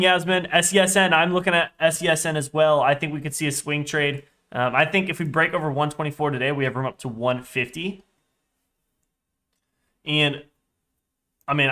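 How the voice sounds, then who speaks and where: A young man with a stuffy, congested voice, pitched a little high and sounding pushed and bright, chats casually on a live trading stream. He rambles and corrects himself as he goes, reading chat aloud.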